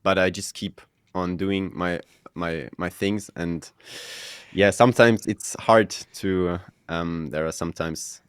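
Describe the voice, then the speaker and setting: Brief: twenties guy, low smooth voice, dry close sound, shy and halting. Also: fairly even intonation, dry recording. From Germany. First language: German. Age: 20s. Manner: modest, hesitant, many ums. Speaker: podcaster guest. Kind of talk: casual interview answers.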